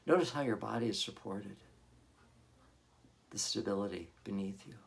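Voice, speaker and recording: With a lowish voice touched by vocal fry, a man leads a guided meditation as a hypnotherapist. His instructions are soft and calming, separated by long pauses.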